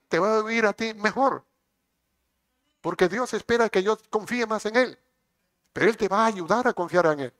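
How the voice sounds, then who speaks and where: A man's voice: sits high, fairly bright tone. A man, a rabbi, preaching a sermon with emphatic passages and acted-out dialogue.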